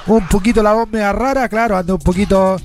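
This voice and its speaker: A Chilean man with a Chilean Spanish accent hosts a live radio show, his nose stuffed up from a cold. He talks fast in a high, steady voice, with chatty, upbeat, sing-song patter and frequent tag questions, and faint music plays behind him.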